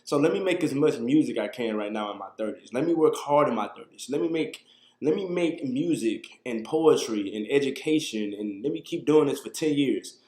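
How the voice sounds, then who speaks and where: Speaking at a normal pace, this thirty-something livestream host has an expressive, mid-range, slightly mellow voice in an echoey room. He talks casually to viewers, answering their questions from a small room on his webcam.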